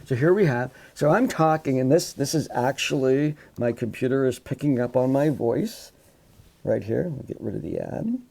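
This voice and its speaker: A male psychology instructor lecturing live over his computer mic. His voice is mellow and dark, with a gravelly edge, and he rambles casually, doubling back on his words as he explains. The delivery is loose and conversational. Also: medium pitch, lively intonation, moderate pace. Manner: casual, rambling with restarts, demonstrates sounds with his voice. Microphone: computer microphone.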